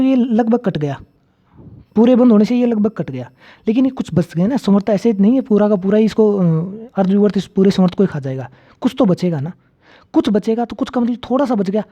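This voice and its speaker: A man's voice: high-pitched, mellow, highs cut off. A man teaching an exam-prep grammar lecture, repeating key terms and asking and answering his own questions.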